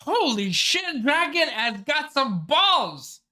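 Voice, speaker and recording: A man reacting live to a new manga chapter, his voice swinging widely as he exclaims and then trails off in thought. He takes his time, pausing and restarting while piecing things together. His tone is bright and forward. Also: very high-pitched, sing-song. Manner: exclamatory, thinks aloud with restarts. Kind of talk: excited live reading reaction.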